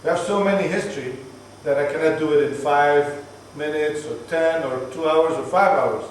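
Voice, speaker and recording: A man's voice: on the high side, normal speed. A tour guide, chatting patiently to his group on a moving bus. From Palestinian, from Jerusalem. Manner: chatty, explaining patiently with jokes. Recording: echoey distant voice, bus noise.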